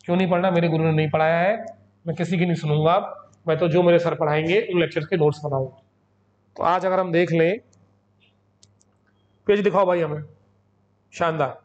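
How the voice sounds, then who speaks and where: Guy teaching grammar, high voice, chatty, kinda scolds, lo-fi dull sound. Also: steady tone, brisk, long pauses. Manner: chatty, scolding, acts out students in Hindi-English mix. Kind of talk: coaching lecture.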